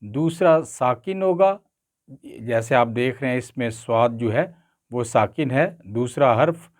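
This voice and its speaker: A man teaching Urdu pronunciation, carefully drawing out each word with frequent pauses. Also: medium pitch. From Pakistan. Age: older. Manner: careful, drawn-out enunciation with frequent hesitation sounds. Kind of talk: slow, deliberate pronunciation lesson.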